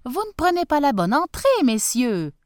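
A woman's voice: sits high, very animated, normal speed, a little mellow, no room sound, clean studio sound, pitched above the performer's own voice. A woman voicing a polite male footman in livery, who speaks in a courteous, formal way.

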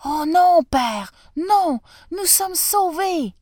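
A woman voicing an eager young boy, a clockmaker's son, who talks in an excited, wondering way. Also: fairly high pitch, measured pace, clean tone, dry recording, studio quality, voice pushed up.

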